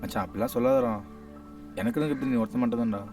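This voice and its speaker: A man's voice: medium pitch, fast, close to an everyday voice. An actor playing a lovesick young man who pleads with his best friend, in a distant film recording over music. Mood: pleading. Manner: pleading, lively.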